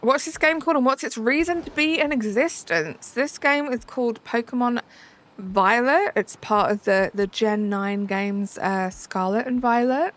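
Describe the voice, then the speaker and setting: This young woman, from Southern England and audibly so, is casually chatting with her live-stream audience and responding to their questions, peppering answers with "um" and "like." Her voice is on the high side, a bit bright, and her pace is measured.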